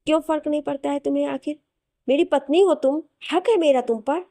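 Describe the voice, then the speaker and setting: A woman's voice: high voice, fairly quick, warm tone, no echo, clean studio sound, voice pushed up. A woman voicing a young husband who is jealous and insistent, pleading with his estranged wife.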